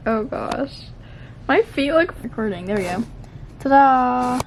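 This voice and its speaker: A young woman in her twenties chatting casually and quietly while getting ready in her bathroom, filmed on a camera. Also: high-pitched, animated, measured pace, vocal fry, slight background noise. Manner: chatty, giggly, talking quietly. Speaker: vlogger. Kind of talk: casual get-ready-with-me vlog. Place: home bathroom at the mirror. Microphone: camera on a tripod. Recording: background music over the voice. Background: pop music playing.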